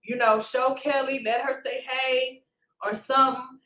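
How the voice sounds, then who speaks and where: A woman in her forties hosting a casual gossip commentary, talking in an animated, emphatic way. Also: a little slow. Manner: animated and emphatic, drops low when doubtful. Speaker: channel host. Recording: roomy echo.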